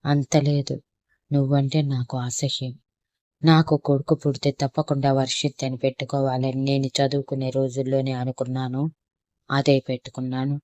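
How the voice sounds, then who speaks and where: Bitter angry young mom snapping at her ex, flat even delivery, dry close sound read by a woman. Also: very deep voice, normal speed, dry recording. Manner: sharp, scolding.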